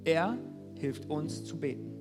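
A man with a high-pitched voice preaches at a church service, earnest and animated, often turning to address the congregation directly. Soft music plays faintly beneath his words. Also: slow pace. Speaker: pastor. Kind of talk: sermon.

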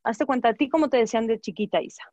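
A woman's voice: fairly high pitch, expressive, very fast, darkish tone, dry recording. A woman with a Mexican accent giving conversational advice as a guest, acting out little dialogues, with many fillers and restarts. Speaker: guest advisor. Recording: dull lo-fi dry sound.

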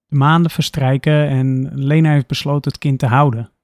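A man narrating an audiobook story in a steady, even delivery. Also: mid-range voice, moderate pace, dry recording, studio quality.

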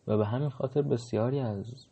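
A man's voice: medium pitch, dark tone, breathy edge, lo-fi sound. A man giving a casual, reflective monologue, hesitant and full of fillers. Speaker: monologue host.

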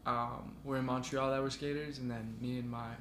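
A man's voice: mid-range voice, little pitch movement, moderate pace, a bit bright. A young man as a podcast guest, talking in a laid-back, rambling way full of fillers. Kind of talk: casual chat. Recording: echoey room with background noise.

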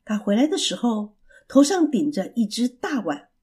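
A woman tells a bedtime story with a lively, swooping pitch and a fairly high voice. Her tone is mellow and a little husky. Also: moderate pace. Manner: expressive, animated. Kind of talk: children's story narration.

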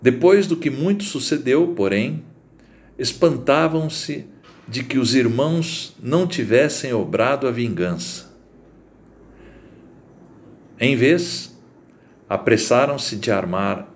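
A man reading a literary short story aloud as narrator, in a slow, deliberate and expressive way. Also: medium pitch.

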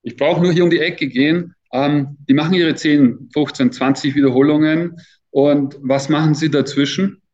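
In this dull, lo-fi clip, a trainer in his fifties answers interview questions casually and with emphasis, using colloquial speech. His voice leans high, with a steady tone, normal speed, and a darkish quality.

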